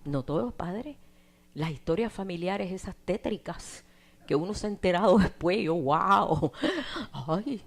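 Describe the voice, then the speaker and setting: Brief: middle-aged woman preacher, sermon delivery that rises to loud emphasis and drops to hushed asides. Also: fairly low pitch, a little slow. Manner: animated, swings from loud emphasis to near-whispered asides.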